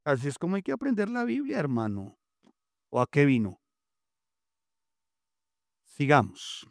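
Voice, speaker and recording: Slow, lively-pitched pastor, teasing and scolding. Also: male voice, creaky, no echo, studio quality. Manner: joking, scolding the congregation, drawn-out emphatic reading. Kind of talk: interactive sermon with call-and-response.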